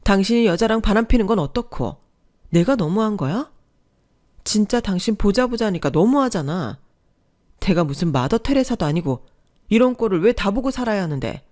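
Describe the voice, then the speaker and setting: A woman voicing an exasperated young mother who scolds her husband in a sharp, reproachful way. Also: lowish voice, animated, moderate pace, close to an everyday voice. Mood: indignant.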